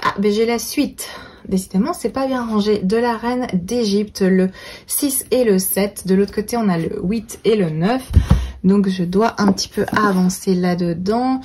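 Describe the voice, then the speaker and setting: A woman's voice: medium pitch, unhurried, noisy background. A woman vlogger giving a casual tour of her bookshelf at home, talking in a chatty way with many filler hesitations. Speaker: book vlogger.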